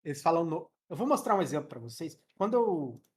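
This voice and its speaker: Here the Brazilian-accented teacher talks quite quickly in a fairly high voice that rises and falls sharply. He's leading a relaxed online English lesson over a headset, joking and using slang.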